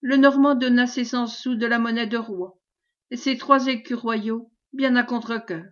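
Woman audiobook reader, slightly high voice, steady, dull lo-fi audio. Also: normal speed. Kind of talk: scripted narration.

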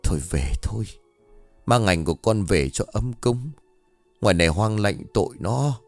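A man doing a weary, gruff old father. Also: medium pitch, lively intonation, normal speed, a little mellow, no echo, soft background music, close to an everyday voice. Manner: gruff and scolding, tired sighs. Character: weary older father holding the family together.

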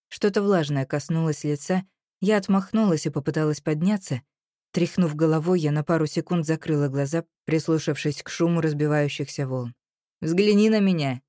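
A woman narrating a novel in the first person, reading dramatically and acting out the shouted lines. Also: sits low, dry recording, studio quality. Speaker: audiobook narrator.

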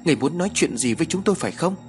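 A man's voice: a little high, expressive, rapid-fire, faint music behind, voice pushed up, lightly acted. A man voicing an anxious young woman who stammers and pleads.

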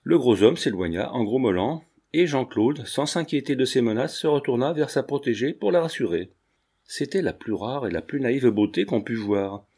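A man reading a classic novel aloud as an audiobook narrator, in a measured, expressive way. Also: medium pitch, breathy edge. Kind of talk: scripted narration.

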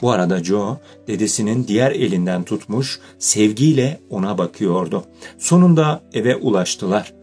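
A man narrating a children's audiobook in a steady, measured storytelling style. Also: fairly low pitch, husky, soft background music. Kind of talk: scripted narration.

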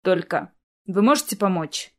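A woman's voice: medium pitch, lively intonation, moderate pace, lightly acted. A woman voicing a tall man who apologizes with bitterness in his words. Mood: apologetic.

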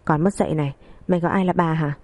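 A woman's voice: fairly even intonation, very fast, darkish tone, no room sound, natural voice. A woman voicing a spiteful, bullying older mother-in-law who scolds and abuses her daughter-in-law. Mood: scolding. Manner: shrill, scolding, abusive.

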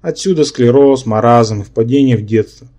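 A man's voice: medium pitch, mellow, natural voice. A man voicing a know-it-all brain-polyp symbiont. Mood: lecturing. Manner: lecturing, quick to take offence.

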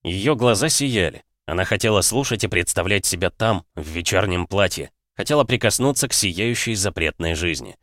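Low-voiced male audiobook narrator, dry. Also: animated, moderate pace, hardly any pauses, a bit bright, no echo. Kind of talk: first-person scripted narration.

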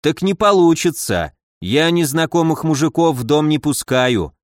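A gruff, grumbling old man, stubborn and quick to snap, as a male narrator puts him on. The voice sits a little high and dry, close to the mic in a dead room. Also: lively intonation, dry recording, lightly acted. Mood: irritated. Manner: grumbling, snapping.

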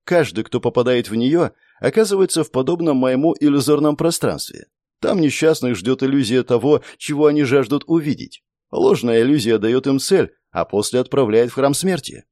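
A man voicing a serene, ageless female spirit who lives in a pendant, speaking melodically and calmly, in a storybook reading. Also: medium pitch, moderate pace, no echo, studio quality, natural voice. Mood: calm, melodic. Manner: melodic, calm, explaining patiently.

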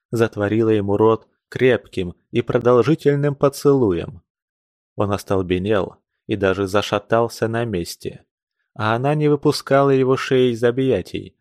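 A man narrating a classic novel in a steady, measured reading. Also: medium pitch, no room sound, clean studio sound. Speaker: reader.

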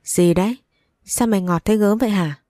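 A woman's voice: mid-range voice, a little fast, mellow, no echo, close to an everyday voice. Brief: woman voicing arrogant teasing young man, dry close read. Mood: mocking. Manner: teasing, rude, brusque.

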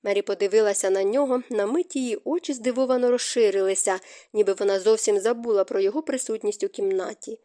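A woman reading a novel aloud as an audiobook narrator, in a calm, measured manner. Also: mid-range voice. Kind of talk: scripted narration of a romance novel.

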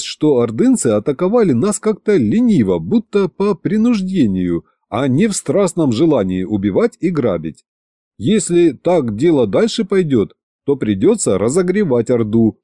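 Brief: male audiobook narrator, wry and animated, dark tone, dry studio. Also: mid-range voice, moderate pace, dry recording. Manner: wry, expressive.

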